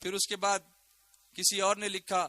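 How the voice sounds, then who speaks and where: A man's voice: high voice, monotone, pushed and bright. A male preacher giving a fervent sermon. He recites Quranic verses and keeps urging the crowd to call back to him. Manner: exhorting, urges the crowd to respond. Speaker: religious preacher.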